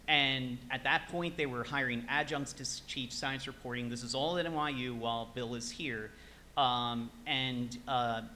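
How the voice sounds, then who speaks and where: Young man, bright voice, memorial tribute, relaxed anecdotes, many fillers, faint room noise. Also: mid-range voice. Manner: relaxed storytelling, frequent fillers, laughs at his own anecdote. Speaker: former student giving a memorial tribute. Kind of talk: speech at a memorial event. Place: event room.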